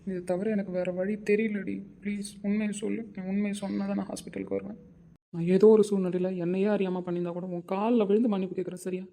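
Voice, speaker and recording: A man playing a desperate young husband who pleads and shouts in an amateur audio drama. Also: high-pitched, level tone, quick pace, gravelly. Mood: pleading.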